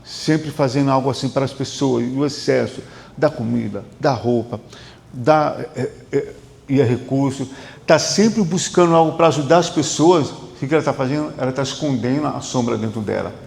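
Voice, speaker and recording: Male therapist, gravelly mid-pitched voice, emphatic storyteller, roomy hall reverb. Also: moderate pace, a little mellow. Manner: conversational, repetitive, emphatic storytelling. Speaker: psychotherapist. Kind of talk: motivational talk with client stories.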